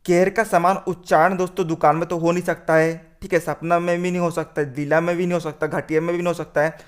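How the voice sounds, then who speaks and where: A man's voice: a little high, level tone, fast talker, clear, resonant tone. A male teacher working through a worksheet lesson. He keeps saying "theek hai" and calls the students "friends.". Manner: repeats "theek hai", addresses "doston".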